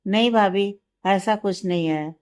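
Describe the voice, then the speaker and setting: A woman voicing a quiet, sad young bride. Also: mid-range voice, unhurried, clean tone, natural voice. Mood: subdued. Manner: soft, subdued. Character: sad young bride hiding her sorrow.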